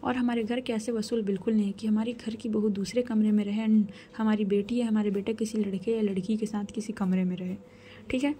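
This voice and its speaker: A woman's voice: medium pitch, little pitch movement, fairly quick, dark tone, slight background noise, natural voice. A woman voicing a strict middle-aged mother who scolds her daughter firmly. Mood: scolding. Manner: scolding, firm and commanding.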